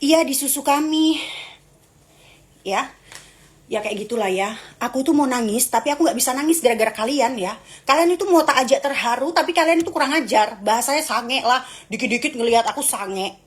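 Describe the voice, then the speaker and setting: A woman's voice: a little high, a little fast. A young woman, streaming live and reading comments, in a dramatic, playful, teasing way.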